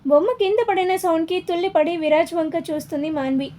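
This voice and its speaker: A woman narrating a serialized family story in a steady, plain storytelling manner. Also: very high-pitched, a little fast.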